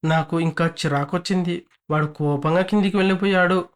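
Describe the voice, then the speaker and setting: High voiced guy reading an audio story, first person, steady. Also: fairly quick. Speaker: story narrator.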